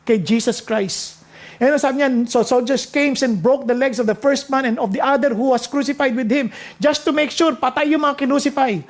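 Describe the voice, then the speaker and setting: A man preaching a sermon with passion, his voice swinging high and low for emphasis, slowing down to read scripture verses. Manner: mixes speech with quoted Bible verses read slowly.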